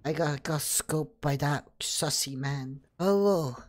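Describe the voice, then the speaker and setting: A young man streaming a game while drunk, rambling and boasting playfully, with sudden shouts when fights break out. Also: a little high, little pitch movement, slow pace. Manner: bursts into shouting during fights. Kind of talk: drunken gameplay chatter.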